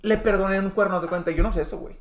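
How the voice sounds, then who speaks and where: A man's voice: sits high, steady tone, quick pace, slight background noise. A man co-hosting a casual podcast, slangy and dropping "güey" constantly. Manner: slangy, peppers speech with "güey". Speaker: podcast co-host. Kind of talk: casual chat. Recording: echoey room.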